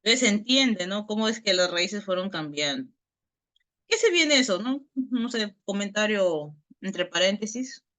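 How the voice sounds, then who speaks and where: A Bible study teacher explains a lesson over a video call in a medium-pitched, slightly bright voice with lively intonation and a somewhat slow pace. Thinking aloud, the teacher often restarts words and ends nearly every phrase with a questioning "right?"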